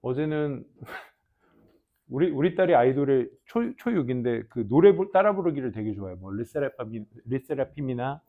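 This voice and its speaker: A man teaching an English grammar class, joking and teasing his students in a slangy way, often switching between loud calls and mumbled asides. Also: mid-range voice, sing-song, normal speed, phone-quality sound. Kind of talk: lively classroom lecture.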